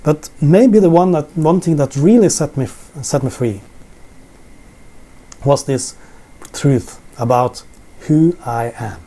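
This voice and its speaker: A middle-aged man from Norway, with a Norwegian accent, teaches the Bible in English from his living room sofa, seated and facing the camera. His voice is a little high and mellow, slow with frequent pauses, and he often repeats words while searching for them.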